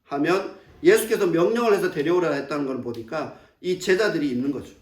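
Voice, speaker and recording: A man's voice: on the high side, a little fast. A man preaching a sermon as pastor, asking rhetorical questions and acting out quoted lines. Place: church sanctuary. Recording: echoey church from a distant mic.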